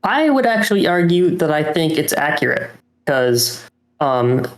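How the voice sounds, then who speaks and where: A man co-hosting a podcast, chatting casually in a hesitant, halting way. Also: on the high side, sing-song. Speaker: podcast co-host. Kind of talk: casual chat. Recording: echoey room sound.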